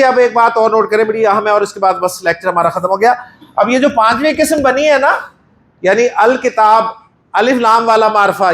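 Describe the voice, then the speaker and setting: A man's voice: high voice, a bit bright, echoey room, a little hiss or hum. A male teacher with a Pakistani Urdu accent giving a Quran Arabic lesson in a mosque class, patiently quizzing students and praising their answers.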